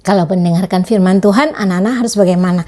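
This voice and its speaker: A woman's voice: medium pitch, fast talker, mellow. A woman teaching children at a school Christmas service, talking to them in a playful, teacherly way as she tells them a story.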